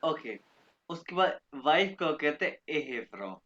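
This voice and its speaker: A man teaching German vocabulary in an online lesson, repeating each word slowly and often checking that students follow. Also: fairly high pitch, big pitch swings, fairly bright tone, highs cut off.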